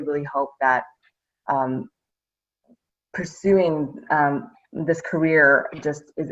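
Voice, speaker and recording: A woman with a low voice answers interview questions, pausing often and filling gaps as she thinks. The audio sounds slightly dull. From United States. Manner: hesitant, many ums. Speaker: podcast guest.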